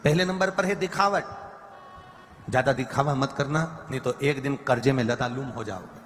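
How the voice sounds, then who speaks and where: A man's voice: medium pitch, moderate pace, fairly bright tone. A man giving a devotional sermon, preaching emphatically in long repeated lists with rising stressed lines. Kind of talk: Hindi religious discourse. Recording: reverberant hall with faint ambient noise.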